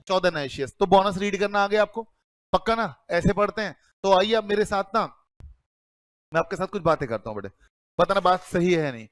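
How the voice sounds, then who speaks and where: A man's voice: sits high, no echo. A man teaching accounting to a class, calling students "beta" and asking then answering his own questions. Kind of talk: classroom lecture.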